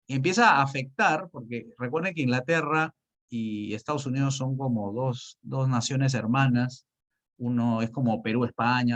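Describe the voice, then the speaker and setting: A man teaching an economics class, asking himself questions and answering them, with frequent hesitations and restarts. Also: medium pitch. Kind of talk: spoken lecture.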